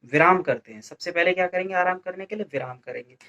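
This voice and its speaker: An Indian man teaches a Hindi grammar lesson for an exam coaching class in a high-pitched, fast, sharp voice. He repeats questions and answers them himself, constantly dropping in "ठीक है" (okay). The audio is dull, with a little hiss or hum.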